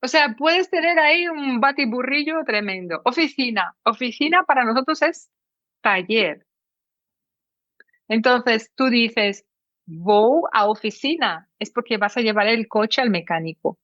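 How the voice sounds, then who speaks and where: Woman, higher voice, dry, muffled sound. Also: unhurried, no room sound. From Brazil. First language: Portuguese. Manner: lively, explains with examples. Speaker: guest, Spanish teacher. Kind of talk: explanatory interview talk.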